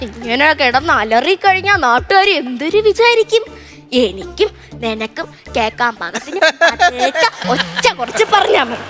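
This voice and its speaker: An actress playing a sharp-tongued housewife in a TV comedy sketch, scolding and bickering with a visitor. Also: female voice, high-pitched, very animated, brisk, few pauses. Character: bickering middle-aged housewife, quick to scold. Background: background music.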